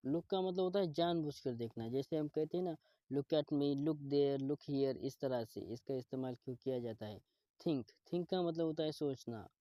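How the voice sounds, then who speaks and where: A male teacher works through a vocabulary list in a steady, methodical rhythm, repeating each word before explaining it. His voice sits a little high but sounds mellow, and the recording is dry and close. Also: dry recording. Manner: addresses viewers as friends. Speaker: English teacher. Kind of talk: vocabulary lesson.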